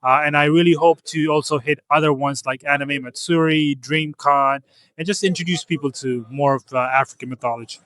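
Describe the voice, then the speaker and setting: A man's voice: on the high side, fairly even intonation, brisk, a bit bright, smooth, no echo. A man from Ethiopia, a comics publisher, answering interview questions in an earnest, casual way, often restarting phrases. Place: comic convention floor.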